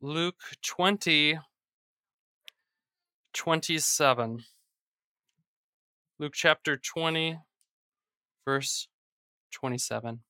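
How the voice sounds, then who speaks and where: A pastor speaks slowly and earnestly into a pulpit microphone, leading a congregation through scripture and prayer. The voice is forceful and resonant. The sound is close and dry, with little room in it. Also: medium pitch, smooth, no room sound. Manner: measured, earnest preaching with prayer. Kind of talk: sermon with scripture reading. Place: church sanctuary.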